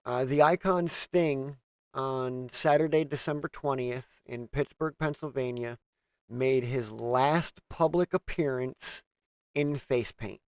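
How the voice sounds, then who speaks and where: A man's voice: medium pitch, takes it slowly, clean tone, dry recording. A man hosting a casual wrestling review, steadily running through a list of news items. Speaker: host.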